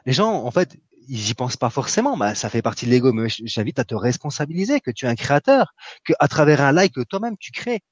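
A man's voice: mid-range voice, big pitch swings, fast, dry recording. A man speaking as a guest in an earnest, encouraging way, often repeating himself. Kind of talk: casual live conversation.

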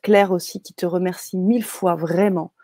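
A woman hosting a live session, calmly reading out audience messages and thanking the guest. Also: on the low side, normal speed, no room sound, clean studio sound. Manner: calm, reads out audience messages. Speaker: host.

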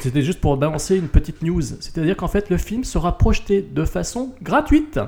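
A man's voice: high voice, warm tone. A man co-hosting a casual film review chat, speaking hesitantly with frequent restarts and mild humour. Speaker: film podcast co-host.

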